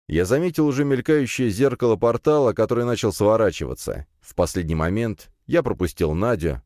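Deep lively male audiobook narrator. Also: no echo, clean studio sound. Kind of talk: scripted fantasy narration.

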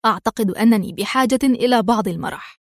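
A woman's voice: fairly high pitch, fast, vocal fry, dry recording. A woman reading the lines of an arrogant, mocking rich man, in a dry, close recording. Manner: mocking and smug.

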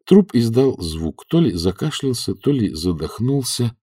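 A man narrating an audiobook in an expressive, wry manner. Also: medium pitch, measured pace, husky, dry recording, studio quality.

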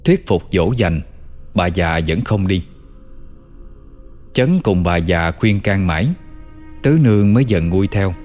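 A man narrating an old folk tale in a calm, measured way. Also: sits low, in a large hall, soft background music. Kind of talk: storytelling narration.

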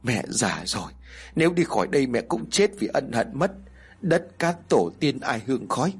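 A man voicing an elderly grieving village mother who pleads through tears, husky. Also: medium pitch, big pitch swings, normal speed. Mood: resigned. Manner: pleading, tearful.

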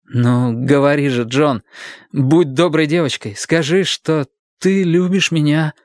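A man's voice: on the high side, slow, darkish tone, no echo, studio quality, voice pushed up. A man doing an earnest brave young man. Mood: earnest, loving.

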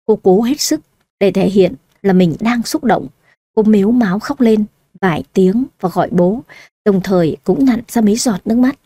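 A woman narrating a story audiobook-style with a steady, even reading. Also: mid-range voice, moderate pace, breathy edge, dry recording, studio quality.

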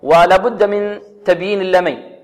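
Male recitation teacher, rhetorical questions, slow letter drills, fairly high voice, long reverberant sound. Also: steady tone. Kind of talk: tajweed lesson with call-and-repeat drills.

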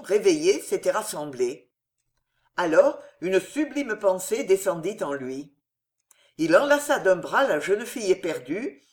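A narrator reading a historical novel aloud in a dramatic, measured manner. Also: mid-range voice. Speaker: audiobook narrator.

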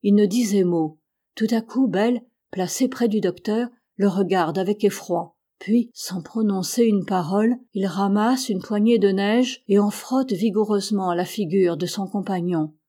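A woman narrating an audiobook of a classic adventure novel in a measured, even reading. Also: medium pitch. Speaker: audiobook reader.

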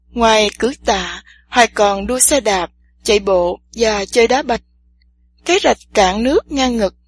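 A woman narrating a story gently and evenly. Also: a little high, slightly rough.

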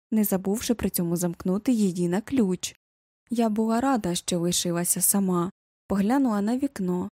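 Female audiobook narrator with a warm tone, steady first-person reading, dry booth sound. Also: mid-range voice, dry recording. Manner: measured, reflective reading.

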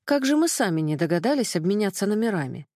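A woman's voice: medium pitch, sing-song, fast, darkish tone, dry recording, clean studio sound, lightly acted. A woman reading the lines of a tired, sleepy young female roommate in an audiobook. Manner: sleepy, grumbling.

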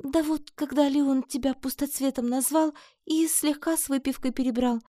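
A man's voice: very high-pitched, fairly even intonation, moderate pace, warm tone, no echo, clean studio sound, voice pushed up. A man doing a shy young sorceress. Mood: sheepish. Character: young woman, an amazon sorceress, sheepish. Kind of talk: audiobook character voice.

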